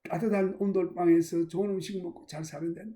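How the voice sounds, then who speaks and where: A male pastor preaching a sermon in a dramatic storytelling manner, swinging between loud emphasis and hushed lines. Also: high voice, steady tone, fast.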